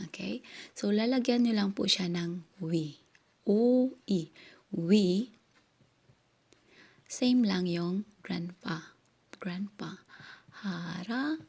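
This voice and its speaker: A woman whose first language is Korean gives a casual language lesson at an unhurried, deliberate pace. She breaks each word into slow syllables and keeps asking her viewers "okay?" as she goes. Her voice sits at an ordinary middle pitch. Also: creaky, darkish tone, husky. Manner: slow, patient, spells words syllable by syllable; mixes Tagalog and English, says "okay?" often.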